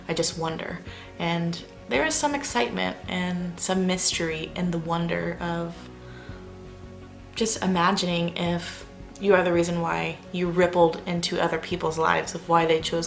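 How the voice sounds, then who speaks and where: Low, gravelly-voiced woman chatting. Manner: chatty and rambling, keeping her voice down at night. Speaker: parenting vlogger. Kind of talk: casual talk to camera. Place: house at night, family asleep.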